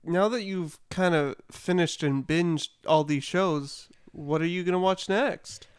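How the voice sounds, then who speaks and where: A man's voice: high-pitched, unhurried, smooth, dry recording. A man co-hosting a podcast in casual chat, mostly asking short questions and dropping brief, dry remarks.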